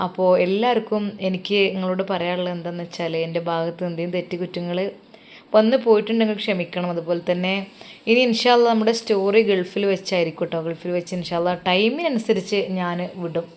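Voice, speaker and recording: Lady storyteller, chatty and warm, asks for prayers. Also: fairly low pitch, fairly even intonation, fast talker. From Malappuram, Kerala. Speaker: storyteller and channel host. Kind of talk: religious story narration and personal address.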